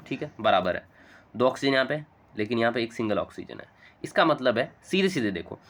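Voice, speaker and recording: A man teaching a chemistry lesson, talking fast and chatty, coaxing students along with frequent checks. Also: medium pitch, fairly bright tone. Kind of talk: chalk-talk chemistry lesson.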